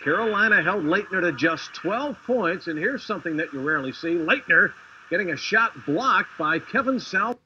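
A man's voice: sits high, expressive, sharp tone, a little hiss or hum. A man in his thirties anchoring a TV news sports segment in a studio, reading with a few fillers. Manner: brisk scripted delivery with small fillers. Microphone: studio mic, on camera. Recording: dull lo-fi 1990s TV broadcast.

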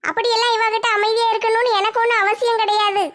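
A woman's voice: very high-pitched, level tone, fast talker, a bit bright. A woman voicing a blunt, hot-tempered scheming woman in a comedy sketch. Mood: grumbling. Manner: blunt, quarrelsome.

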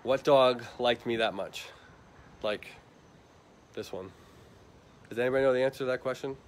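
A man's voice: moderate pace, rough recording. Man on a windy outdoor livestream. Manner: talks to the dogs in a high, soothing baby voice; reads out and answers viewer comments. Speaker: charity livestream host. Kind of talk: casual livestream chat. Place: outdoor animal shelter, windy. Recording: outdoor wind and barking noise.

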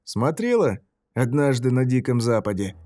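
A man's voice: medium pitch, big pitch swings, moderate pace, mellow, no echo, clean studio sound, close to an everyday voice. A man voicing a sneering sadistic killer. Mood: taunting. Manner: taunting, sneering. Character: sadistic mocking male killer, cruel and playful.

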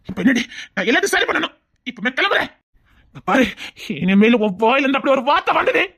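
A woman voicing a husky, pleading husband. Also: a little high. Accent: Tirunelveli Tamil. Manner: pleading, stammering reassurance. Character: devoted husband pleading, desperate and tender. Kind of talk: tearful melodrama.

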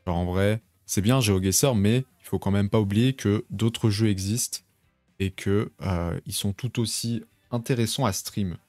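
Young male streamer, rambling and chatty at home, slightly low voice, dry close mic, faint music behind. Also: unhurried, a little mellow, no room sound. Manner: rambling, chatty, talks to viewers in chat. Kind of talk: casual live stream chat. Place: home bedroom.

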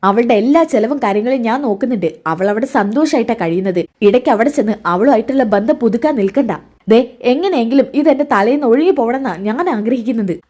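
A scornful young woman snaps her retorts in a raised, quick voice, as a woman storyteller puts her on. She sounds cold and impatient. The voice sits high, and the lines tumble out fast. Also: lively intonation, mellow. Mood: angry.

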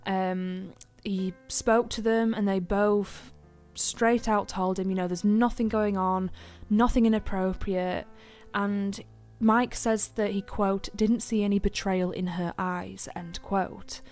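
A woman's voice: mid-range voice, fairly even intonation, slow pace, darkish tone. Woman doing a true crime podcast, chatty and opinionated, lots of ums and you knows, faint music underneath. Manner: chatty and opinionated, with frequent fillers and asides. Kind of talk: casual true crime storytelling.

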